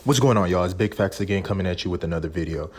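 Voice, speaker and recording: A man's voice: low voice, very fast, breathy edge. A man hosting his own video, giving casual, emphatic commentary and repeating his key phrases. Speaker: video host.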